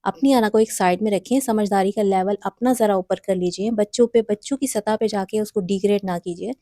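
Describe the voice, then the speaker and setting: A woman's voice: medium pitch, mellow, no echo, studio quality. A woman hosting a parenting advice talk, speaking earnestly and instructively straight to mothers. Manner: earnest, instructive, addresses viewers directly.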